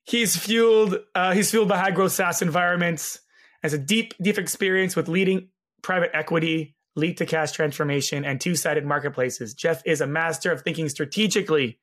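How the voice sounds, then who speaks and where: Male podcast host, slightly high register, raspy and hoarse with a gravelly edge, chatting casually as interviewer. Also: normal speed, a bit bright. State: hoarse from laryngitis. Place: home guest bedroom or office.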